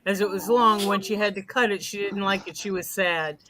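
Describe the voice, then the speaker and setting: A woman in her sixties on a casual livestream, calm and earnest, reading out viewer comments. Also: mid-range voice, fairly quick. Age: 60s. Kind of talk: casual chat.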